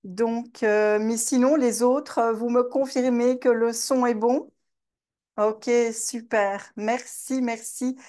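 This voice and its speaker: A woman from Belgium with a Belgian French accent, hosting a live online master class. She talks in a chatty way, greets attendees by name and fills her pauses with hesitations. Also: a little high, steady tone, dark tone. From Belgium, Namur region. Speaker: webinar host and trainer.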